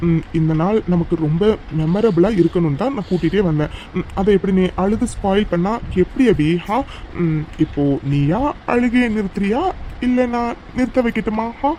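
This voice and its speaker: A man's voice: high-pitched, moderate pace, warm tone, slight background noise, natural voice. A young man voicing a devoted young lover in a cartoon, speaking earnestly and affectionately with a teasing edge. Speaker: narrating voice actor. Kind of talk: cartoon voice acting.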